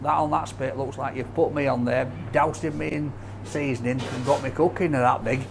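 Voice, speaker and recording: A man's voice: mid-range voice, steady tone, brisk, vocal fry. A man with a Yorkshire accent, chatting and joking cheerfully while reviewing food on a city street. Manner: chatty, jokey, cheerful banter. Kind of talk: casual vlog chat. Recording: street noise behind. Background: traffic and scaffolding work.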